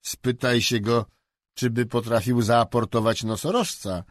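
A man reading aloud and voicing a kindly middle-aged father who explains patiently and reassures, slightly higher than his narration. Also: steady tone, measured pace, no room sound, studio quality, close to an everyday voice. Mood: joking.

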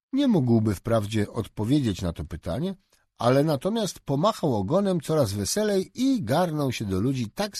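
A man narrating a storybook slowly and expressively, with a lively intonation, recorded close on a studio mic. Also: medium pitch, breathy edge, no room sound. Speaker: audiobook narrator.

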